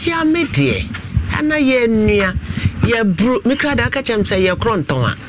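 A man with a Ghanaian accent, a pastor questioning family members in a dispute in an animated, coaxing manner. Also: extremely high pitch, fairly quick, background noise. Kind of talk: mediating a family dispute on a broadcast.

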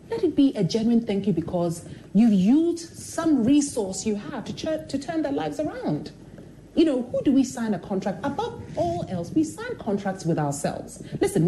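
Her pitch is medium, and the rough recording carries slight background noise. She is a television personality talking frankly and motivationally in an interview, an expressive storyteller who performs the quoted voices with animation.

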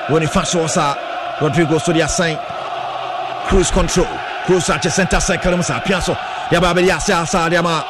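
A man with a Ghanaian accent commentates live football excitably, repeating words and names in bursts. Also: a little high, fairly quick. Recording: loud crowd noise behind commentary.

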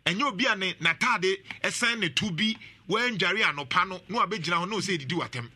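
Bright-voiced man, animated host. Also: high voice, brisk, slightly rough. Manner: animated, laughs often. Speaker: talk show host. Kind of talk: casual commentary mixing Twi and English.

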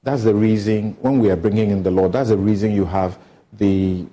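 A man's voice: lowish voice, steady tone, normal speed, warm tone. A man hosting a radio talk show, speaking emphatically and often repeating his phrases.

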